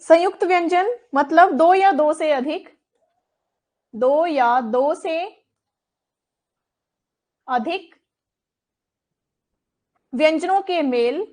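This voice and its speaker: A woman with a high voice teaches an exam coaching lesson. She speaks slowly and repeats each term. She asks the class questions and then answers them herself. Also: a little mellow. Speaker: Hindi teacher.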